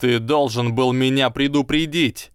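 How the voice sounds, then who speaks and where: A man voicing a proud young boy wizard who shouts and chokes with rage. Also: medium pitch, fairly even intonation, a little slow, smooth, dry recording, studio quality, natural voice. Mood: seething.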